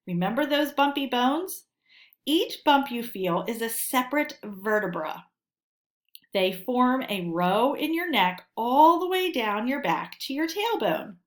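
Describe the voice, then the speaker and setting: Reading a children's lesson aloud, this woman poses questions and answers them herself. She sounds on the high side, and her approach is deliberate and teacherly.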